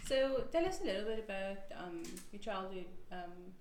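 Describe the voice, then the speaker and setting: A woman's voice: mid-range voice, expressive, normal speed, a little mellow, a little hiss or hum. A woman hosting an interview, friendly and brief in her acknowledgements. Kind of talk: casual interview. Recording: echoey room with crowd behind.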